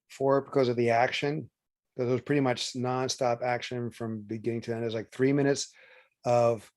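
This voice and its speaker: A man co-hosting a relaxed watch-party stream. He rambles, restarts sentences and trips over names, filling gaps with "you know". His voice sits at an everyday middle pitch. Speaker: co-host. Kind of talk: casual watch-party chat.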